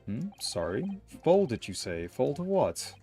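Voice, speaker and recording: A man's voice: medium pitch, big pitch swings, slow, dark tone, soft background music, voice pushed up. A man voicing a very old, half-deaf man who rambles and mishears, a juror in a video game. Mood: confused. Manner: rambling, mishears, repeats himself.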